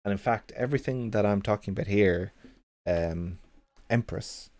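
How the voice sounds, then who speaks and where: A thirtysomething Irish man with a mild accent rambles and jokes with his live-stream chat, recorded on a good desk mic at his computer. His voice is on the low side and darkish in tone, at a normal speed, with no echo.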